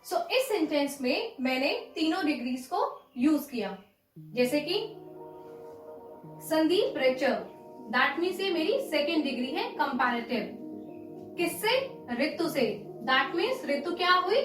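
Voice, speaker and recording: A woman teaching English grammar, her voice high and her delivery slow. She dictates word forms one at a time, in a measured way. The room around her rings with echo. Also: expressive, over music. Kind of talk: Hindi-English grammar lesson.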